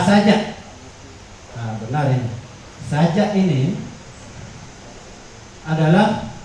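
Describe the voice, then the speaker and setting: A man teaching a workshop on traditional verse, explaining slowly with many fillers and repeated words. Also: on the high side, darkish tone, a little hiss or hum. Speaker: workshop instructor. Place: workshop room. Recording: echoey room, far from the mic.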